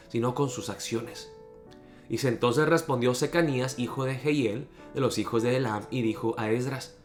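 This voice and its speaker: A man preaching a daily devotional with earnest teaching, reading scripture aloud and explaining it. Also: mid-range voice. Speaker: pastor. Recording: faint guitar music behind.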